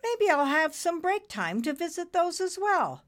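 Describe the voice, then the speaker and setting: A woman's voice: extremely high pitch, sing-song, a little slow, pitched above the performer's own voice, exaggerated voice. A woman voicing an eager, earnest male cloud angel in a storybook reading. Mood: excited.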